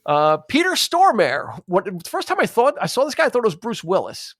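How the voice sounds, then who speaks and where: A man co-hosting a podcast in casual chat, rambling and animated, often quoting lines. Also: sits high, fairly quick, no echo, clean studio sound. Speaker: podcast co-host.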